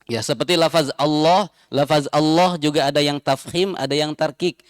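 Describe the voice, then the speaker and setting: A man's voice: fairly high pitch, moderate pace, dry recording, clean studio sound. A man teaching Quran recitation in a mosque, patiently repeating and spelling out each sound. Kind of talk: tajwid lesson.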